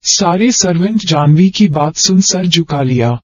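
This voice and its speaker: A man narrating an audiobook love story in a steady storytelling read, close to the mic. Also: fairly high pitch, a little slow, no room sound. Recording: dry, dull lo-fi.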